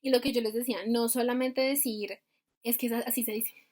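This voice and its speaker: A woman's voice: on the high side, steady tone, brisk, darkish tone. A woman teaching grammar over a video call, explaining step by step and asking rhetorical questions. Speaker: grammar instructor.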